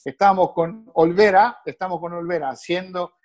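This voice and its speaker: A middle-aged man tells wine stories as a sommelier. His voice sits fairly high for a man, and he slips into the voices of the people in his stories with a lively, animated delivery. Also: moderate pace. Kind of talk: anecdotal storytelling.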